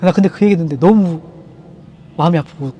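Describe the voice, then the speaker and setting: Fast-talking high-voiced man, earnest testimony. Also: warm tone, muffled recording, slight background noise. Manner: emotional, earnest, halting with many restarts. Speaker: franchise store owner. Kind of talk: personal testimony in a casual interview.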